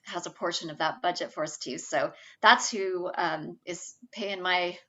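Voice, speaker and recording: A middle-aged woman with a husky whiskey voice, talking casually as a podcast guest and joking at her own expense. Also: lowish voice, fairly even intonation, unhurried, a bit bright, lo-fi sound. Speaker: guest, small business center director.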